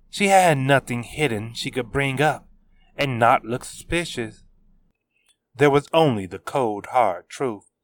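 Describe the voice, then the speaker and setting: A man narrating his own serialized web novel in a measured, steady reading. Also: medium pitch, no echo. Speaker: author narrator.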